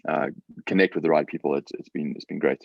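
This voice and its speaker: Very deep voice, man, halting speech full of fillers, dry dull video-call audio. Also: steady tone, creaky, no echo. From South Africa. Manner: hesitant, many fillers and repeated words. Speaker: guest entrepreneur. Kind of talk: casual interview chat. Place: home garage. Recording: dull lo-fi sound.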